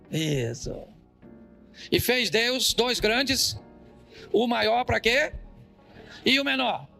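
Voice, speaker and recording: A Brazilian pastor preaches in a high, gravelly voice with a bright, forceful edge, joking with his church and pressing them with quick questions. Soft music plays under his words in the live service. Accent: Brazilian Portuguese. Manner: animated, joking, asks the congregation questions. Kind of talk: lively church sermon with audience call-and-response.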